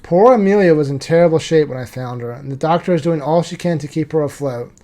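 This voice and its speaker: A man's voice: on the high side, quick pace, dark tone, natural voice. A man reading the lines of a weary, disgusted townsman from a card game story, in a plain read-aloud delivery. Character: weary male townsman explaining blood saints.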